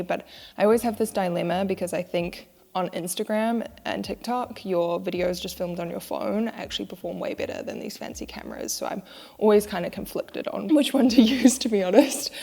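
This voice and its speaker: A woman's voice: mid-range voice, creaky, a little mellow. A young woman chatting candidly to camera in a casual vlog about her work, talking in a chatty, self-deprecating way into a clip-on mic. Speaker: social media manager vlogger. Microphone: wireless clip-on mic.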